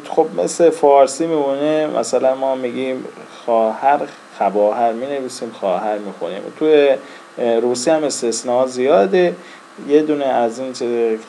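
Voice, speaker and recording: Man from Iran, casual lesson, dark mellow voice, halting delivery, repeats each letter, faint hum behind. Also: mid-range voice, poor audio. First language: Persian. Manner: slow and halting, with frequent fillers and letter-by-letter repetition. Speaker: language teacher.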